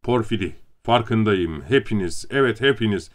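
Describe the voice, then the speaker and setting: A man's voice: lowish voice, expressive, normal speed, close to an everyday voice. A man voicing a pompous male general who cries out in offended indignation. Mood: pleading. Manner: indignant outcries.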